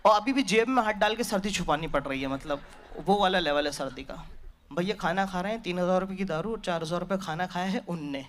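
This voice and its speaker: A man's voice: high-pitched, fast, fairly bright tone, slight background noise. A man telling a casual, conversational stand-up comedy story on stage.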